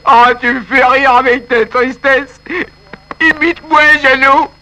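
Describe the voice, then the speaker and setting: A man's voice: extremely high pitch, steady tone, unhurried, bright, forceful tone, heavily acted, poor audio. A man voicing a tactless fellow who mocks and fusses over a weeping friend in a comic sketch. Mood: teasing. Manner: bossy, mocking, fussing.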